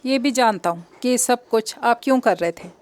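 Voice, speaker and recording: A woman's voice: fairly high pitch, normal speed, lightly acted. A woman voicing a protective young man who speaks firmly and steadily. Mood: defiant.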